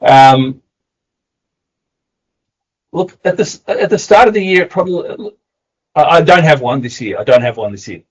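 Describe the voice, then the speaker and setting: An Australian man co-hosting a casual footy podcast, talking in a rambling, halting and fond way. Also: a little high, lively intonation, breathy edge. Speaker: podcast co-host. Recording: dull, muffled audio.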